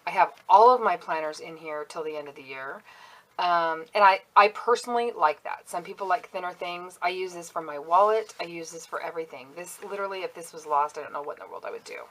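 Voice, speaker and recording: A woman's voice: on the low side, fast talker, poor audio. A woman giving a casual show-and-tell walkthrough of her handmade planner, chatty and self-critical, with lots of ums and asides. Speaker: planner crafter vlogger.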